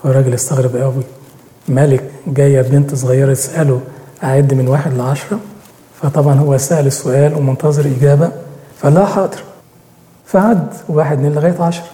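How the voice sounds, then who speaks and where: A man's voice: medium pitch, fairly even intonation, rapid-fire, dark tone. A man with an Egyptian accent telling a story in a sermon, acting out the dialogue. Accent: Egyptian Arabic. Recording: echoey hall with long reverb.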